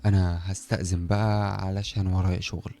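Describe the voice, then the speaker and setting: A man's voice: deep voice, level tone, quick pace, creaky, warm tone. A man voicing a friendly, talkative young male neighbor with an Egyptian accent who keeps asking curious questions. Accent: Egyptian Arabic.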